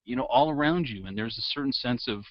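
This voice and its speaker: A man hosting a podcast, telling a story with lively, laughing enthusiasm. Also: medium pitch, quick pace, no room sound. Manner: lively, laughing anecdotal delivery. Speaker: podcast host. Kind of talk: animated storytelling in interview. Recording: dull, slightly lo-fi dry sound.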